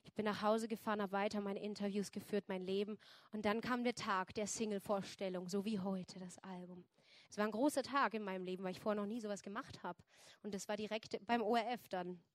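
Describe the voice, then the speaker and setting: A woman's voice: mid-range voice, steady tone, fairly quick, no room sound. Earnest woman telling her faith story. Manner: earnest storytelling, addresses listeners directly. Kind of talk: personal testimony to an audience.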